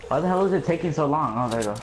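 Man, fairly high voice, rapid repeated callouts, faint hiss. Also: lively intonation, rough recording. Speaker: gamer in voice chat. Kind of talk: casual game chat.

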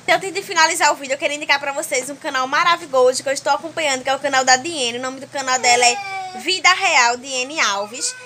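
A young woman with a Brazilian accent chats through a home vlog, keeping up a friendly stream of talk to her viewers. Her voice is bright and sits a little high. She holds the phone at arm's length in a small room at home. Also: fast, slight background noise. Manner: chatty, keeps addressing viewers warmly with diminutives. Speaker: home vlogger.

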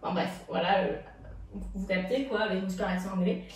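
A woman's voice: medium pitch, fairly even intonation, fairly quick. A young woman teaching a street jazz dance routine, counting beats and making sound effects for the moves. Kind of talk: dance tutorial instruction. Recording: echoey room, voice from far off.

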